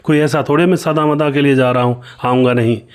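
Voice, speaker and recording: A man's voice: mid-range voice, fairly even intonation, brisk, smooth, close to an everyday voice. A man voicing an earnest, devoted young son from a village, speaking in a reassuring way while telling a story.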